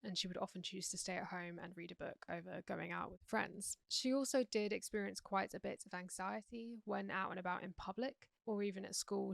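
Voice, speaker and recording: Croaky young Englishwoman hosting true crime. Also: mid-range voice, no room sound, studio quality. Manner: chatty, earnest, gravelly. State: sore throat, croaky. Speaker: true crime podcast host and musician. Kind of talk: casual true crime narration.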